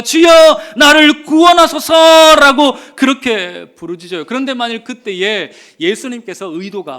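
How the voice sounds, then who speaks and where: A man's voice: high voice, fairly bright tone. A pastor preaching a sermon with rhetorical questions to the congregation, acting out voices to make his point.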